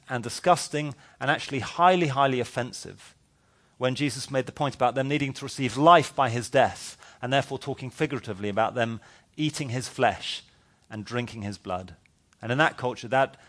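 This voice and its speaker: A man's voice: mid-range voice, fairly bright tone. A male pastor preaching a verse-by-verse sermon, conversational and emphatic, with wry sarcastic asides. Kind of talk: expository sermon.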